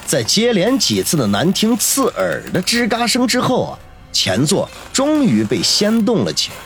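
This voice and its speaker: A man narrating a novel in a dramatic, expressive storytelling voice. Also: sits high, normal speed, soft background music. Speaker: audiobook narrator.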